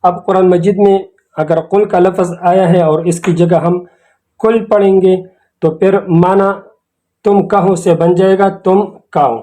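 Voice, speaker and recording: A man teaching Quran recitation in a slow, patient lesson, repeating key words and phrases. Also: high voice, steady tone, dark tone. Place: academy channel video lesson.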